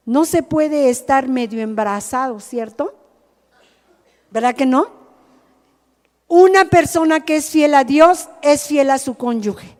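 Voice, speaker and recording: A woman's voice: high voice, darkish tone. A woman with a Mexican accent preaching to a group, often asking them questions. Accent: Mexican Spanish. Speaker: teacher at a rehab ministry. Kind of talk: sermon to a group. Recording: hall reverb.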